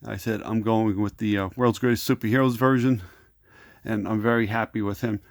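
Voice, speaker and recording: A man's voice: lowish voice, steady tone, brisk, dry recording, studio quality. A middle-aged man casually reviewing action figures, rambling and nostalgic, often repeating words and restarting sentences. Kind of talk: casual toy review vlog.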